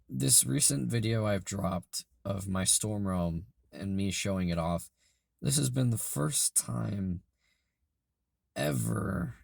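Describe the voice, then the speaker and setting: A young man speaks in a very low, gravelly voice that sounds worn out and raspy, as if he is losing it. He rambles casually and sincerely, pausing and trailing off as he goes. The sound is close and dry, from a phone inside a car. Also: darkish tone, dry recording. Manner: halting, earnest, trailing off. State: hoarse, losing his voice, tired from working overnights. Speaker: video creator who builds game tracks. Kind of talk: casual, rambling vlog to camera. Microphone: phone held close.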